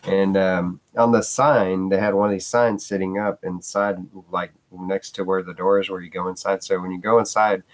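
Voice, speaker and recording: Man, casual vlogger, low voice, meandering and hesitant, swears offhandedly. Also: little pitch movement, moderate pace, few pauses. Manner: rambling, hesitant, with many fillers and restarts. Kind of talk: casual rambling vlog talk.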